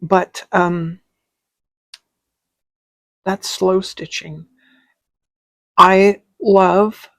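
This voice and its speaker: A woman's voice: fairly low pitch, gravelly, no echo. A woman teaching a casual craft tutorial, chatty and rambling as she thinks aloud. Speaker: stitching teacher.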